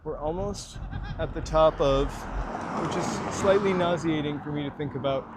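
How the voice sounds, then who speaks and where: A man's voice: on the high side, normal speed. A man livestreaming a city walk outdoors, chatting casually to his viewers in rambling asides and a little out of breath. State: slightly out of breath from walking. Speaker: walking tour livestreamer. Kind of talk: casual live walking vlog. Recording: faint street noise behind.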